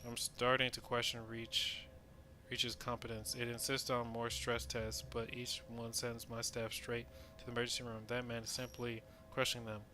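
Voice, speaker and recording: Man playing an even-toned, weary medical researcher. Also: medium pitch, normal speed, soft background music, natural voice. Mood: uneasy exasperation. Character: weary, frank medical researcher recording a progress log. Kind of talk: dramatic scripted log monologue.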